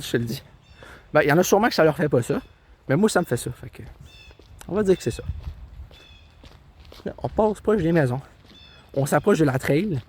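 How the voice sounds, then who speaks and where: Out on a countryside trail by a river and road, a young Québécois man vlogs on a handheld tablet, talking casually, wandering off topic and making fun of himself. His voice is a little high and a little mellow, set against faint outdoor ambience with birds and passing cars.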